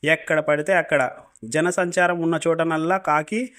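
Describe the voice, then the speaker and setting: A man telling a folk story as scripted narration, steady and plain. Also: a little high, moderate pace.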